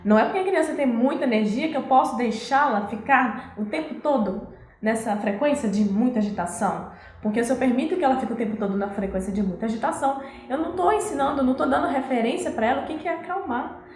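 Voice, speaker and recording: A woman's voice: sits high, animated, fast, a little mellow, reverberant. A woman educator giving a live talk on parenting, explaining patiently and acting out scolding parents.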